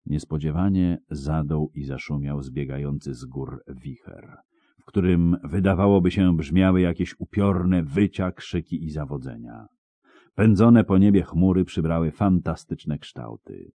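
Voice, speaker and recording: A man's voice: sits low, unhurried, creaky, mellow, no room sound. A man narrating an audiobook in a dramatic, vivid storytelling manner, close to the mic.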